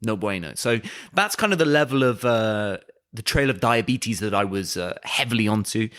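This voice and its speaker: A man's voice: lowish voice, lively intonation, moderate pace, fairly bright tone, smooth. A man co-hosting a podcast, telling comic stories about himself in a rambling, casual way full of fillers. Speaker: podcast co-host. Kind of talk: casual improvised chat.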